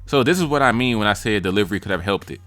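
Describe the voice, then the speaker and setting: A young man reviews music on YouTube, ranking freestyles in blunt, joking casual commentary and sometimes mimicking rappers' lines. His voice is lowish and fairly bright, with lively intonation and a racing pace, recorded with no room sound.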